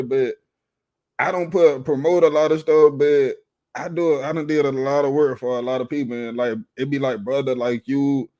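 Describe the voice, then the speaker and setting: A man hosting a relaxed livestream, talking in an easy, unhurried way. His voice is mellow and dark, and he laughs often while he reads out and greets viewers from the comments. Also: medium pitch. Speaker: livestream host. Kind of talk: casual livestream chat.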